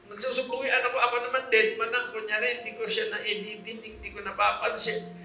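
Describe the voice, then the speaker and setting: A man's voice: high voice, level tone, fast. A middle-aged man giving an earnest, emotional religious testimony to a congregation, speaking politely to his listeners. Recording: echoey hall with music, from far off. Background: soft instrumental music.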